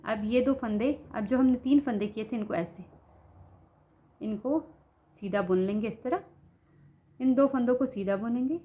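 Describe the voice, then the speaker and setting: A knitting instructor with a warm voice on the high side talks at normal speed, leaving long pauses. Despite a sore throat, she patiently walks through each stitch step by step, repeating "ठीक है" as she demonstrates.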